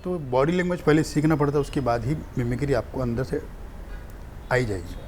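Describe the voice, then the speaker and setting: A man, a stand-up comedian, telling animated anecdotes in a casual interview. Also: medium pitch, brisk, slight background noise. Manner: animated, storytelling.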